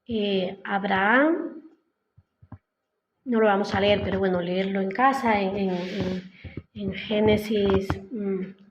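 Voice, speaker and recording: A woman's voice: medium pitch, slight background noise. A woman giving an informal church sermon, retelling the story conversationally and often adding "¿no?". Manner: conversational, retells the story in her own words with frequent "¿no?" tags. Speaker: lay preacher. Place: church hall. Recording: echoey, muffled church hall recording.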